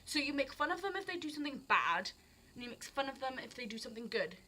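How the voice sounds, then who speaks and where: A teenage girl vlogger from Barry in South Wales, her accent carrying some English sounds, rambles through an unscripted, casual rant, hopping from one thought to the next. Her high voice swings widely in pitch, and she talks quickly with a sharp edge.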